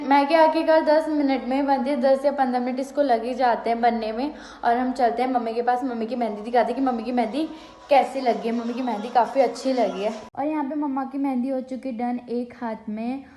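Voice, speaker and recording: A young woman chatting casually in a home vlog, telling stories in an animated way and repeating phrases for emphasis. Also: on the high side. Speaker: vlogger. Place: at home, indoors.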